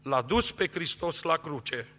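A man preaches with a high, bright and forceful voice, swelling and dropping for emphasis. His sermon rings with long reverb, as in a church hall. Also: lively intonation. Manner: solemn, emphatic, rising and falling delivery. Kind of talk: sermon with scripture reading.

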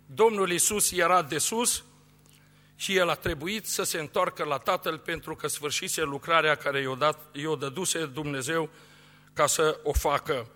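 A man's voice: on the high side, pushed and bright. A man preaching a sermon and reading scripture, solemn and emphatic, with a rising and falling delivery. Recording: long hall reverb.

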